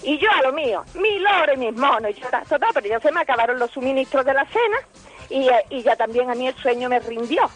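A woman's voice: high-pitched, expressive, fast talker, fairly bright tone, slightly rough, low-quality recording. A woman, telling a story as a caller on a radio show and acting out the voices of the people in it. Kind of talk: phone-in anecdote on a radio show.

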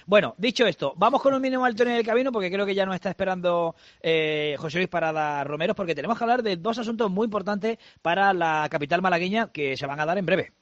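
Guy hosting sports radio, brisk and chatty, kinda high voice, dull dry studio sound. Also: no room sound. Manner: brisk, conversational, reads fixtures. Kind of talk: live sports radio chat.

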